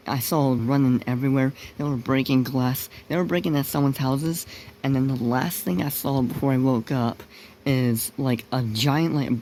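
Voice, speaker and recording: A young man telling a personal story in a casual, unscripted way, halting and rambling as he searches for words. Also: medium pitch, mellow, a little hiss or hum, poor audio. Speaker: video creator narrating a personal story.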